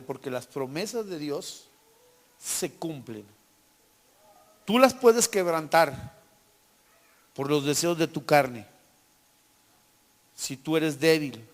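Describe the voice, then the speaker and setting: Animated Mexican man telling a faith story. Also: on the high side. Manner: animated storyteller who acts out dialogue and keeps checking with "¿sí?"; repeats and restarts words. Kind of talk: personal faith testimony.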